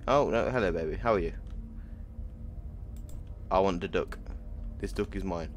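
A man with a low voice streams a horror game at a moderate pace, reacting jumpily and swearing constantly in his let's-play commentary. Faint music plays behind him.

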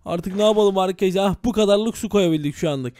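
A man's voice: sits high, fast talker, dark tone. A man hosting a game role-play video, talking dramatically to viewers and exclaiming as a village head.

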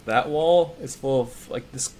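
A man's voice: medium pitch, a little slow, a little mellow, a little hiss or hum. A man chatting casually on a video call, laid-back and self-deprecating. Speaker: dating video call participant.

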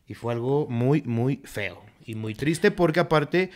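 A man's voice: mid-range voice, expressive, a little slow. A young adult man with a Mexican accent co-hosting a casual comedic chat, crude and joking and full of swearing. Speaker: podcast co-host.

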